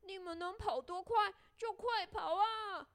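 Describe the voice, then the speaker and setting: A woman's voice: high voice, lively intonation, slow, clear, resonant tone, no room sound. A woman voicing a cheeky, boastful little gingerbread man in a children's storybook, taunting in a sing-song way. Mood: taunting gleeful.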